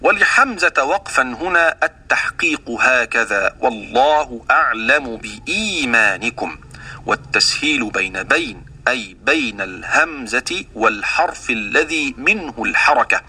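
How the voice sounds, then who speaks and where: A man's voice: medium pitch, bright, forceful tone, breathy edge. Distant-sounding man teaching Quran recitation. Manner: explains rules, then chants verses and quoted teaching poems. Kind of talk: lesson on the readings of the Quran, with recited examples.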